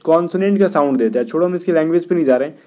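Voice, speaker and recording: A man runs an exam-prep grammar lesson, explaining in Hindi and reading English sentences slowly word by word. His voice is mellow and dark, sitting a little high for a man. He keeps checking in with the class. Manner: keeps asking "theek hai na" and "kya bhai".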